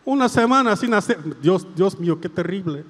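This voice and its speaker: A man preaching a sermon as a priest, in slow, deliberate phrasing broken into short pieces. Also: high-pitched, lively intonation, fairly bright tone, big-room sound.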